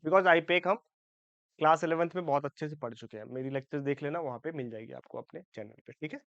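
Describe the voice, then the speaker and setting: A man's voice: on the high side, fast, vocal fry, fairly bright tone, dry recording, muffled recording. A man teaching a chemistry lecture for exam students. He checks in often with his class and corrects his own slips as he goes. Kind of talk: exam-prep lecture in Hindi-English mix.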